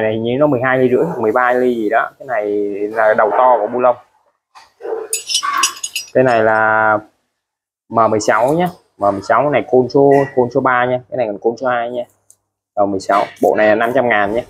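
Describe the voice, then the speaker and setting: A man's voice: medium pitch, fairly even intonation, quick pace. A man walks through his used tools item by item, chatty and repetitive, restating each price. His voice sits in a middle register. A faint noise hums underneath. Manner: chatty, ends phrases with friendly particles. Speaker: used tool seller. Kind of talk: casual product showcase.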